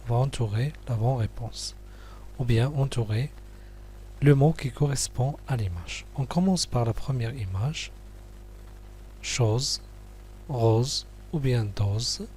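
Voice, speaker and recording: A man teaching young pupils, going slowly through a worksheet, repeating each word and praising answers. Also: medium pitch, a little mellow, slight background noise. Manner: slow, patient, repeats words and praises answers.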